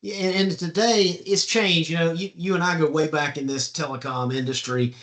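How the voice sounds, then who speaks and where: Man, interview host, somewhat high pitch, friendly upbeat manner, casual business chat. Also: steady tone, moderate pace, fairly bright tone.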